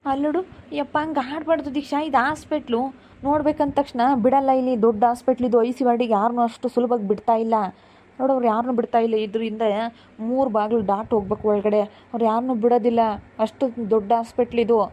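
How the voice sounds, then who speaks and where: A woman's voice: on the high side, fairly even intonation, brisk, close to an everyday voice. A woman playing a soothing, coaxing aunt. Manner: soothing, coaxing, repeats "hush". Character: caring aunt comforting crying relatives.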